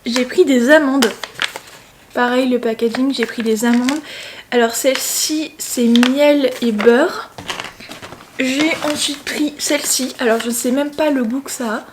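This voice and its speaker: Chatty young woman, fairly high voice. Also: unhurried, noisy background. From France. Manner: chatty, animated storytelling, playful asides. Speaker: travel vlogger. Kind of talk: casual vlog chat.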